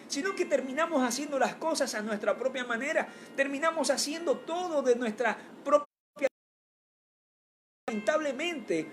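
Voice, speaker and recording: A woman pastor preaching a sermon in church, reading scripture with dramatic emphasis, slowing and rising in force on key phrases, and correcting her own slips aloud. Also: a little high. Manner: slows down and swells louder when quoting scripture. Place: church, streamed to online viewers.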